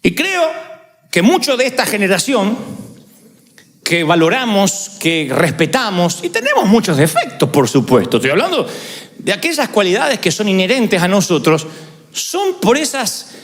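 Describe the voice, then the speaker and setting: A man pastor, preaching a sermon with animated, humorous storytelling and mimicked voices. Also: high-pitched, normal speed.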